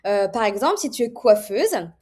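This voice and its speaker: A woman's voice: mid-range voice, sing-song, normal speed, a little mellow, breathy edge. A woman in her thirties casually presenting an online course straight to the viewer, chatty, with many fillers and restarts.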